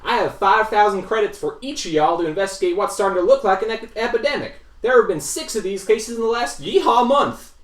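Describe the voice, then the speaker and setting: A woman's voice: medium pitch, expressive, fairly quick, hardly any pauses, echoey room, recorded from a distance, pitched above the performer's own voice, close to an everyday voice. Woman doing a yeehawing robot cowboy sheriff. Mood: folksy. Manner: cowboy drawl, keeps blurting yeehaw.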